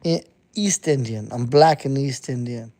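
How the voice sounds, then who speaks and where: Here the same kind of speaker, a thirty-something underground hip-hop artist streaming to chat, sounds medium-pitched, dark, and a little slow. His casual monologue is blunt, full of profanity, and circles back on itself with repetition.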